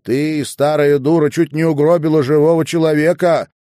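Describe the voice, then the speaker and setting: A man's voice: fairly high pitch, little pitch movement, moderate pace, no room sound, clean studio sound, voice pushed up, natural voice. Man putting on a furious village headwoman. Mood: raging. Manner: icy, scolding, shouting.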